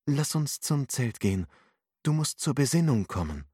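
A man's voice: medium pitch, lively intonation, unhurried, a little mellow, slightly rough, no room sound, studio quality, pitched above the performer's own voice. A man voicing a patient, caring woman who guides and soothes, in an audiobook. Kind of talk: audiobook narration.

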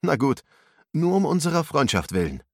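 A man's voice: mid-range voice, very animated, normal speed, dry recording, clean studio sound, pitched above the performer's own voice. A man voicing a young man who questions doubtfully but stays cheerful.

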